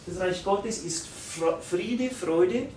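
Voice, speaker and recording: A man preaching a live church sermon, emphatic and repetitive, with sudden loud bursts. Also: sits high, slow, slight background noise. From Austria. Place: church hall. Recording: echoey hall, mic from far off.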